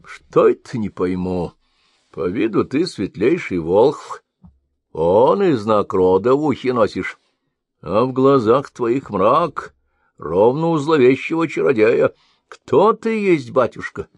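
A man's voice: big pitch swings, breathy edge, dry recording, full character voice. A man doing a sly, cackling old crone. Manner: high cracked wheedling old-woman voice, slow and drawn out. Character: cunning old crone ferrywoman, mocking and sly. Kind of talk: audiobook reading.

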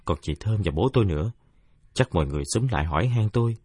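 A man narrating an audiobook in a measured, reflective first-person telling. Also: on the low side, animated, darkish tone, husky, no echo.

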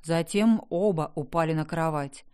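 A woman's voice: low voice, moderate pace, a little mellow, smooth. A woman reading a first-person audiobook in a wry, conversational storytelling manner. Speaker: audiobook narrator. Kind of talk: scripted first-person narration.

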